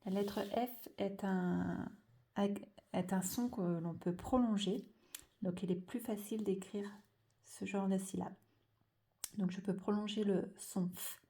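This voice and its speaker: A woman leads a dictation lesson for small children. She speaks very slowly and draws out every sound and syllable. Her voice is soft and mellow. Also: medium pitch, fairly even intonation. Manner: slow, careful, drawn-out sounds and syllables. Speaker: teacher.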